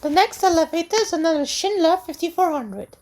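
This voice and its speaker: A woman's voice: very high voice, lively intonation, a little fast, a little mellow. A woman giving casual, simple running commentary as she presents a lift tour, recorded on location in a shopping centre. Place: shopping centre lifts and walkways. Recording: noisy handheld on-location recording.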